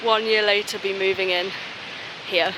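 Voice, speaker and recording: A woman's voice: mid-range voice, level tone, moderate pace, background noise. A young woman, vlogging casually and sounding out of breath while she recovers from illness. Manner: chatty, grateful, laughs often. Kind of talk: casual vlog chat to camera. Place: outdoors on a walk, then at home.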